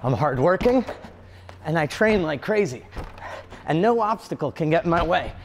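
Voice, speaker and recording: A man's voice: a little high, animated, moderate pace, a little hiss or hum. A young man giving an earnest, determined audition monologue as an obstacle course competitor and coach.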